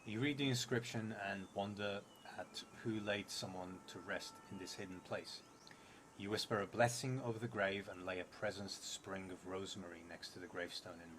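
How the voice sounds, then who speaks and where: A low-voiced man from outside England streams a solo tabletop roleplay game, seated at a table in an indoor room of a theatre. He hesitantly mutters to himself and thinks aloud as he reads prompts and narrates with casual asides. The live stream room is clearly noisy.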